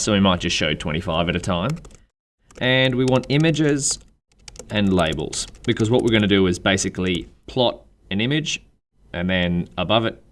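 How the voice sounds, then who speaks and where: A man with an Australian accent, talking through a coding tutorial in a relaxed, chatty way and thinking aloud while he types. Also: lowish voice, slight background noise. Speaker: programming instructor. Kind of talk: screen-recorded coding tutorial. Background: keyboard typing.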